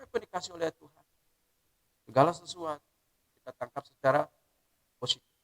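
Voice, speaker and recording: Male pastor, high voice, emotional testimony sermon, loud emphasis and soft slow passages. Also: low-quality recording. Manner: emotional, shifts between loud emphasis and hushed, slow speech.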